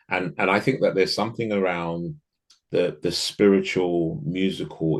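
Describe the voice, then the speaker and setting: A man speaks as a guest in a relaxed interview. His voice sits very low, and he thinks out loud, circling back and restarting his sentences as he goes. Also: husky. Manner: reflective, thinks aloud with frequent restarts. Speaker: podcast guest. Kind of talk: casual interview conversation.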